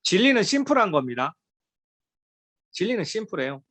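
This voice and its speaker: Lively preacher, emphatic sermon, rhetorical questions, dry close sound. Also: mid-range voice, normal speed, dry recording. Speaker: youth group preacher.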